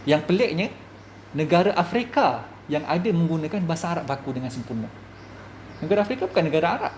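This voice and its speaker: A man with a Malaysian Malay accent, a religious teacher giving a classroom lecture, lively and full of rhetorical questions to his students. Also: fairly high pitch, fast, slight background noise.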